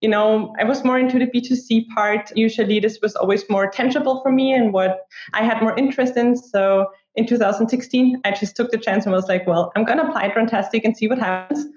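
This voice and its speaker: An Austrian-accented woman in her twenties, whose first language is German, is interviewed on a podcast about her app marketing work. Her voice runs on the high side, brisk and a little mellow, with fairly even intonation, and she leans on filler words such as "like." The remote recording comes through roomy and muffled.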